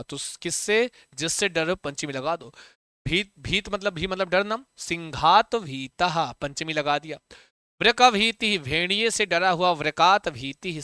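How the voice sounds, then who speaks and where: A man's voice: on the high side, bright, forceful tone, clean tone, no echo, clean studio sound. A young adult man teaching a Sanskrit exam revision class, drilling terms through repetition and rhetorical questions.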